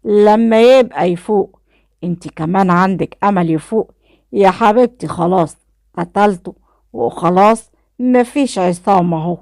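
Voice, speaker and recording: A woman voicing a cruel, jealous young man with an Egyptian accent who talks slowly with a sneer. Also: medium pitch, creaky, no room sound, studio quality, natural voice. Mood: menacing. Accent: Egyptian Arabic. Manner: slow, sneering and loud.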